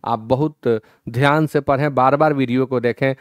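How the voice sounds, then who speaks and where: A man with an Indian English accent teaching grammar, reading English rules out slowly and then explaining them step by step. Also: mid-range voice, fairly even intonation, no echo, clean studio sound.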